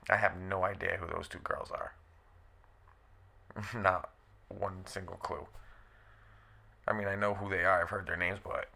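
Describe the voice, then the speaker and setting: A man with a very low, heavily gravelly voice that still has a bright, forceful edge. He rants bluntly about the show on his own vlog and hammers the same points again and again. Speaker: wrestling commentary vlogger. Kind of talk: opinionated solo rant.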